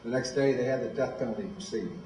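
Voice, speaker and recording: A man's voice: medium pitch, fast talker, darkish tone, a little hiss or hum. A man, telling his own story in plain, direct words as a guest speaker at a school. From Illinois, USA. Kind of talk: personal testimony speech. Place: high school hall. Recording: echoey hall, voice from far off.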